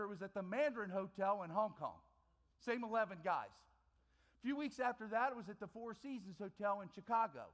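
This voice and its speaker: A man giving a personal testimony as a chapel speaker, telling his story dramatically and repeating phrases for emphasis, swinging between loud bursts and quiet low lines.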